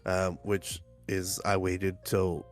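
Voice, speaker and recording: Congested young man, podcast co-host, low voice, rambling, faint music. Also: little pitch movement. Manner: rambling, halting with fillers. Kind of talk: casual chat.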